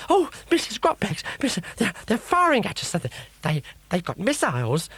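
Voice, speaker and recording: A man's voice: sits high, huge pitch swings, normal speed, a bit bright, slightly rough, dry recording, pitched above the performer's own voice, exaggerated voice. A man voicing a hapless crocodile sidekick, flustered and stammering, in a children's story. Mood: panicked.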